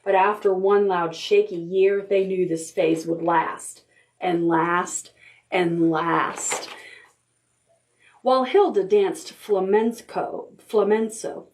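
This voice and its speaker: A children's librarian leads preschool storytime, reading a picture book aloud expressively and rhythmically, stretching out her words. Her voice is medium-pitched, and the recording quality is low.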